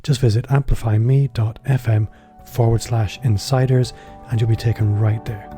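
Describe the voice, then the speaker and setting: Over music, a man hosts a business podcast interview, chatty and somewhat self-deprecating, with loosely phrased questions. His mid-range voice holds a steady tone at a moderate pace.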